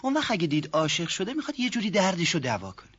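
A bashful young man with a husky, slightly raised voice. His pitch moves around a lot as he asks his hesitant questions. The sound is dull and lo-fi, like an old television soundtrack. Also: big pitch swings, heavily acted. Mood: earnest. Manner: hesitant, soft-spoken, earnest. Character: shy young man asking about love. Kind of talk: 1970s TV drama acting. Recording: muffled lo-fi TV audio.

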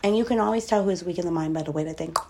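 A woman's voice: on the low side, very fast, mellow, slight background noise. A woman co-hosting a podcast, talking in a casual, blunt, brash way with plenty of swearing. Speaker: podcast co-host. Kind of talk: casual chat.

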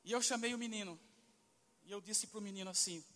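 Speaking fairly quickly in a high-pitched, bright and pushed voice, a pastor with a Brazilian Portuguese accent shares a testimony in a sermon. The recording has a large-room sound, and he voices the quoted lines of each person in the story as he tells it.

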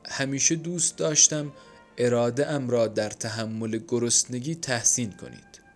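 A man voicing a frail, starving performer who speaks in a faint, hushed voice in an audiobook. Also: mid-range voice, fairly even intonation, faint music behind, natural voice. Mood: plaintive. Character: starving, frail man, proud yet resigned.

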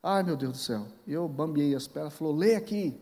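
A man's voice: fairly high pitch, lively intonation, brisk, a little mellow. Brazilian pastor in his forties, reverberant hall. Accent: Brazilian Portuguese. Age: 40s. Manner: storytelling with acted dialogue, emotional swings. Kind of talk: sermon. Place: large church hall. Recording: church hall with long reverb.

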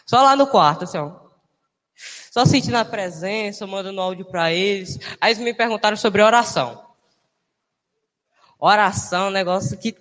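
A young man speaks in a casual church testimony. He sounds emotional and halting, often restarting his sentences. His voice rings with long reverb in a big hall. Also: sits high, a bit bright. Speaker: church member giving testimony.

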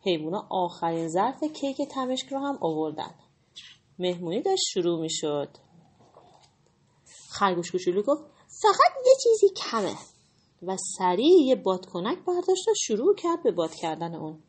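A woman reading a picture book aloud to children, pausing to explain hard words in a lively way. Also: lowish voice, husky. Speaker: storyteller for children.

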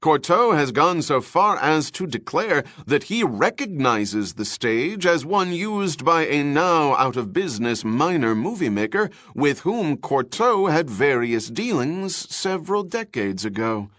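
A man's voice: on the high side, sing-song, fairly bright tone, no room sound, voice pushed up. A man voicing a dry, pedantic research chief. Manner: slow, deliberate, lecturing. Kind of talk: audiobook character voice.

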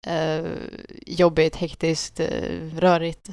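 Low-voiced young woman telling a story. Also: monotone, a little mellow, clear, resonant tone, dry recording. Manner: matter-of-fact storyteller, dry laughs, many "eh" pauses. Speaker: podcast co-host. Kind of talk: casual chat.

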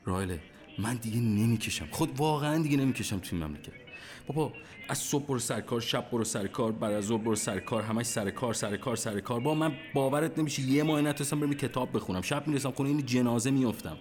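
An actor playing a tired young man in a radio drama who pleads with his partner and recites poetry slowly. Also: medium pitch, darkish tone, faint music behind, lightly acted. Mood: weary. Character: weary young man desperate to emigrate.

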